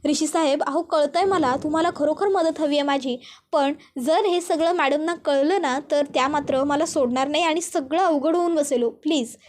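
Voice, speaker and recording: Lady doing a jittery lawyer guy, apologetic, kinda high voice. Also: moderate pace, a little mellow, a little hiss or hum, natural voice. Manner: apologetic, cautious refusal. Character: nervous middle-aged male lawyer.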